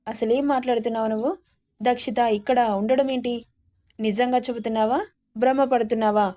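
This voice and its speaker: A man's voice: very high-pitched, little pitch movement, fairly quick, dark tone. A woman voicing a nervous young man, a loyal friend and brother, who talks in a flustered, pleading way.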